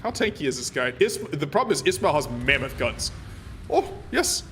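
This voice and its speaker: A man's voice: fairly high pitch, sing-song, brisk, pushed and bright, a little hiss or hum. A man streaming a naval warship game, chatting casually and rambling with plenty of fillers and restarts. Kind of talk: casual gameplay commentary.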